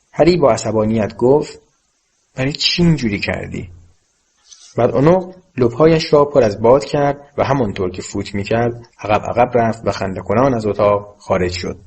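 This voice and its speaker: Low, husky male audiobook narrator. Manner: steady, measured reading.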